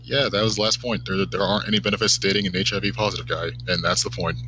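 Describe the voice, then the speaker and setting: A man's voice: low-pitched, fairly even intonation, racing, background noise. A man joining a stream as a guest, reading list items aloud and sounding exasperated. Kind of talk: casual stream chat.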